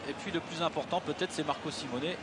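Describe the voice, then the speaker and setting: A man's voice: on the high side, fast. A man giving analytical football commentary, hesitating and repeating words as he explains the play. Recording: very noisy stadium broadcast. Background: loud stadium ambience.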